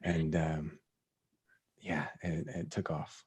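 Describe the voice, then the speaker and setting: A man being interviewed about his voice acting, talking in a relaxed, thoughtful way and laughing easily. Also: extremely low pitch, takes it slowly, slightly rough. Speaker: voice actor guest. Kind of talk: casual interview chat.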